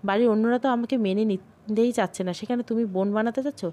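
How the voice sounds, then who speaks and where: A woman voicing a calm, earnest young bride in an audio story, speaking quietly. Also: fairly high pitch, quick pace, lightly acted.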